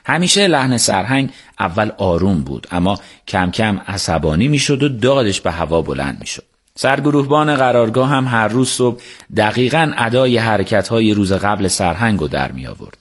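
Man calmly narrating a book. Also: on the low side. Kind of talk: scripted narration.

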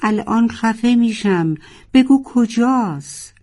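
A storyteller voicing a young narwhal who is desperately searching for its lost father, pleading and shouting. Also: medium pitch, animated, vocal fry. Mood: frantic. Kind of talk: children's audiobook acting.

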